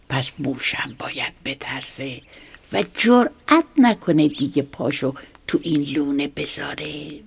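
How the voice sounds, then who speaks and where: Woman whispering a boastful storybook snake, husky and low, sleepy menace, whispered role-play. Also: heavily acted. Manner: drowsy, threatening, boastful. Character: smug lazy bullying male snake.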